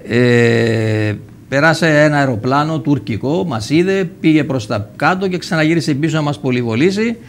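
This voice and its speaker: An older man recounts his past as an interview guest, slipping into the voices of the people he quotes and restarting words now and then. His voice sits a little high for a man, and a faint noise hangs behind it. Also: expressive. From Cyprus. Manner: vivid storyteller who acts out quoted dialogue, with frequent restarts. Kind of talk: personal storytelling in a TV interview.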